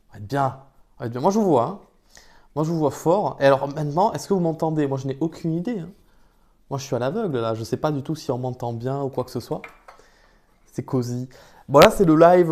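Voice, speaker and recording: A man's voice: mid-range voice, darkish tone. A man casually chatting to his viewers during a live stream, talking into a phone. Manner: chatty and improvised, talks to his chat.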